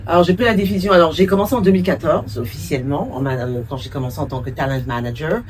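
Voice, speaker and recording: A woman's voice: low voice, quick pace, a little hiss or hum. Hesitant woman interviewee, distant mic. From France. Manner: thoughtful, many hesitations, mixes in English words. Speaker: cultural entrepreneur and film producer. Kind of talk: interview answers.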